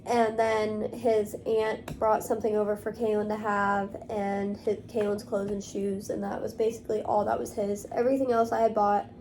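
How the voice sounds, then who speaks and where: A woman's voice: mid-range voice, little pitch movement, normal speed, few pauses, a little mellow, slight background noise. A young woman vlogging to camera in casual talk, rambling along with many fillers. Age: young adult.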